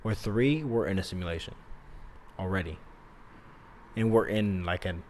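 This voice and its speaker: A young man with a somewhat low voice talks loosely on a podcast, peppering his lines with slang and swearing. He thinks aloud, restarting sentences as he goes. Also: moderate pace, a little hiss or hum. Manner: slangy, swears freely, says dude and like. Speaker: podcast co-host. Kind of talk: casual chat.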